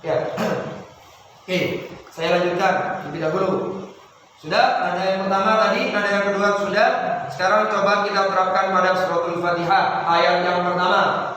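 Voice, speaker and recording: A man with a Javanese accent teaching Quran recitation melodies, his voice tired, explaining and then chanting verses slowly. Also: high-pitched, flat delivery, sharp tone. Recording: echoey hall, distant mic, noisy.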